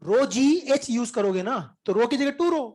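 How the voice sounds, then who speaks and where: A man teaching physics in an informal, chatty lecture, mixing English terms into his speech, clearing his throat now and then, and coaxing the class by checking whether they followed. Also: extremely high pitch, expressive, normal speed, a little mellow.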